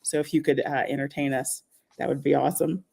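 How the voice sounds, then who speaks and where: A woman host with a low, gravelly voice reads out interview questions. Her tone is mellow and relaxed, with some hesitation between phrases. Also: fast talker. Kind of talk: casual chat.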